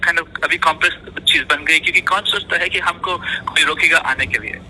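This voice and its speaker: A man speaks over a noisy phone line, his voice high and very bright. He talks haltingly, repeating words and slipping English terms into his speech. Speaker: interviewee. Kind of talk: phone interview.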